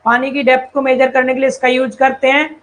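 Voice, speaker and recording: A man's voice: very high voice, monotone, a bit bright, a little hiss or hum, rough recording. A man teaching an online exam-prep lecture, often repeating key terms and calling his students brother or child. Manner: reads English definitions slowly, then explains in Hindi. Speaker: civil engineering teacher.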